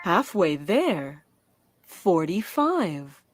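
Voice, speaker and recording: A woman working as a bingo caller, announcing rhyming number nicknames in short, deliberate, separated calls. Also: fairly low pitch, big pitch swings. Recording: loud music behind the voice. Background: loud music.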